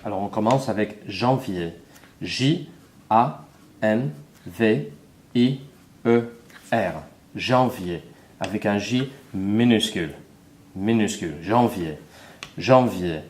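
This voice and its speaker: A man's voice: on the low side, takes it slowly, pauses often, a little mellow. A man teaching a French lesson, spelling words letter by letter and repeating each one for learners.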